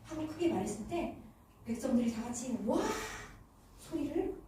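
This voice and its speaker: A woman teaching children, telling a Bible story in an animated way and asking them questions as she goes. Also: sits high, a little fast, noisy background. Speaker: children's Sunday school teacher. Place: church hall. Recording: echoey room from far off.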